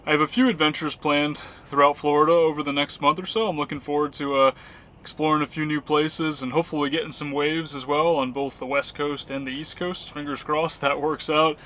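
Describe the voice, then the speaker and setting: An American man talking casually to viewers as a travel vlogger, in an easygoing, unhurried way. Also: a little high, fairly even intonation, sharp tone. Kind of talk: casual vlog narration.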